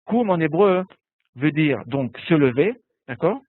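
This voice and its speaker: A man's voice: a little high, lively intonation, a little slow, no room sound. A man teaching a biblical Hebrew lesson online, patiently explaining and often checking with "d'accord?". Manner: patient, repeats words and asks "d'accord?" often. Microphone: online call. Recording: tinny webinar audio, phone-like.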